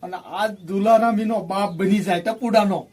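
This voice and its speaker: A man's voice: sits high, fairly even intonation, moderate pace, darkish tone, distant mic, close to an everyday voice. A man playing a scheming, bossy village plotter in a comedy skit, with a pushy, coaxing way of talking. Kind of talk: amateur comedy film acting.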